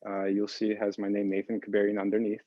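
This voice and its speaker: A pastry chef from the Boston area talks casually, with many ums. His voice sits low. The sound is dry and dull, like lo-fi call audio. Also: quick pace, no echo. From Boston area, United States. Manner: relaxed, many fillers. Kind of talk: casual explanation to an online audience.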